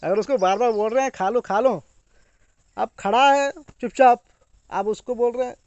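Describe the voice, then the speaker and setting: Casual online tutor, male, higher voice, dry close recording. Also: darkish tone, no echo, muffled recording. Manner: repetitive, slow when stating English phrases. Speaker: English teacher and YouTuber. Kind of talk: casual Hindi-English lesson.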